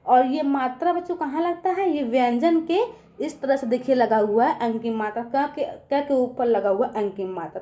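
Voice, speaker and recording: A woman's voice: sits high, mellow. A woman teaching children, patient and repeating her points often. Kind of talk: children's lesson.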